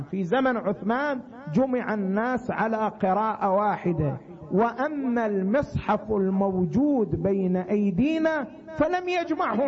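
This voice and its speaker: A man. He presses his points with emphasis and sinks into a low chanting tone for scripture. The recording sounds dull and lo-fi. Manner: emphatic, drops into low chanting recitation for quotations. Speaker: preacher. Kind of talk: religious sermon.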